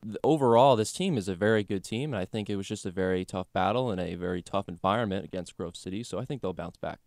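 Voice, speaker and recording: Young dude on a sports podcast, jokey and rambly, dry close mic. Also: male voice, deep voice, fast talker, a little mellow, no room sound. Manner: chatty, jokey, lots of fillers like "you know" and "like". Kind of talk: casual sports chat.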